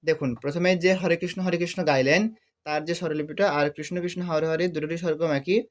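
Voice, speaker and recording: Soft-spoken man teaching harmonium. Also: fairly high pitch, steady tone, quick pace, faint music behind. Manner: explains softly, then sings the phrases louder and drawn out. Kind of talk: music lesson, talking and singing. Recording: loud harmonium under the voice. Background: harmonium playing.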